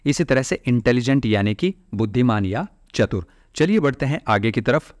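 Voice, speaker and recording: A man's voice: medium pitch, expressive, no room sound. Man teaching grammar, dry close sound. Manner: explains step by step, repeats words slowly syllable by syllable. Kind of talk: online class lecture in Hindi.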